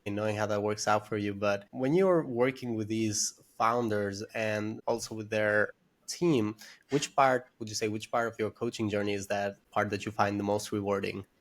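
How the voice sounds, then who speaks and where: A man from Albania with an Albanian accent, hosting an interview and asking slow, deliberate questions. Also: fairly low pitch, steady tone. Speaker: podcast host, interviewer.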